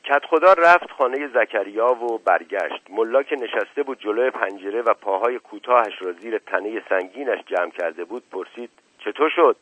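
A man narrating a scripted radio story in a measured, unhurried reading, heard on a lo-fi radio recording. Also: lowish voice, slightly rough, no room sound.

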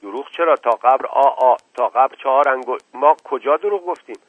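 Man playing a meek old male servant, folksy, husky voice, dull lo-fi sound. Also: mid-range voice, no room sound, natural voice. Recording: dull lo-fi recording.

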